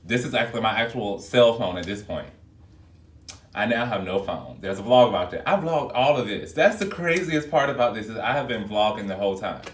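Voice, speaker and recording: A man speaking in a fairly low voice chats through his work schedule in a loose, expressive way, calling his viewers y'all. He is recorded on a phone video set back from him, so the voice sounds distant and echoes around the room. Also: fairly quick. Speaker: flight attendant vlogger. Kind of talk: casual vlog chat to viewers.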